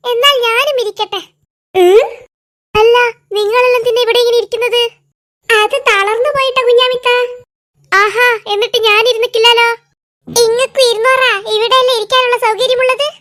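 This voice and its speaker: A bunch of young cartoon schoolkids bicker and chatter in very high, squeaky voices. The talk bounces quickly from one child to the next, in the style of an animated comedy. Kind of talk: cartoon voice acting.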